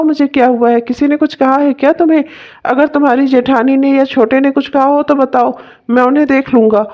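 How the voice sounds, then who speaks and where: A generous elder brother-in-law in a cartoon, played by a woman, coaxing and affectionate as he urges someone to take his gift. The voice is fairly high, and the recording sounds dull and lo-fi. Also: lightly acted. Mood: concerned. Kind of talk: cartoon voice acting.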